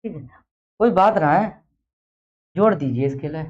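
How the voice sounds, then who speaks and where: Lively intonation marks this male teacher's fairly high voice, and he keeps a moderate pace. During a grammar lesson he quizzes the class with the same questions repeatedly, on a dull, lo-fi recording.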